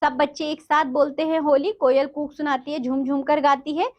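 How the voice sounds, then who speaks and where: A woman teacher going through a textbook lesson for young children, explaining slowly and repeating the answers. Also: high voice, little pitch movement, muffled recording.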